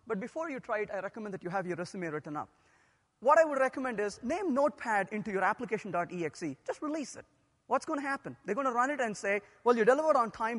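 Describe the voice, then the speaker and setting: A male lecturer with a notably high voice who speaks in an animated way and keeps asking his listeners rhetorical questions. His voice rings out with a long tail of reverb from the hall he talks in. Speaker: software lecturer.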